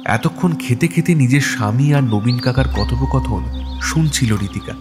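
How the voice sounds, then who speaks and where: A man reads an audio story in a steady, measured narration. His voice sits at an ordinary, mid-range pitch. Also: music in the background.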